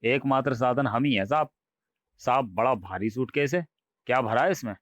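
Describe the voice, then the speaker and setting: A man's voice: mid-range voice, moderate pace, fairly bright tone, no echo, natural voice. A man voicing a humble, rustic village railway porter in a horror comic audio drama. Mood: pleading. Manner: rustic, pleading. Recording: dry, slightly dull recording.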